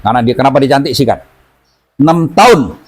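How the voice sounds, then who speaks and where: A man teaching an audience as a healing therapy instructor, telling stories lively and acting out the voices of the people in them. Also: mid-range voice, quick pace, slightly rough, poor audio. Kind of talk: seminar talk to an audience.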